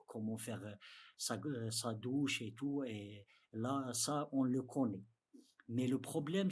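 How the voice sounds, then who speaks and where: A man with an Arabic accent, a native Arabic speaker, giving a beginners' religious lesson in halting, non-fluent French. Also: mid-range voice, husky. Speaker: interpreter for an Islamic teacher.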